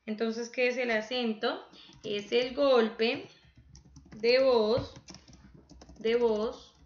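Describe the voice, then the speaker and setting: A woman teacher giving an online class, speaking slowly and patiently and counting syllables aloud. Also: a little high, fairly even intonation, reverberant, highs cut off.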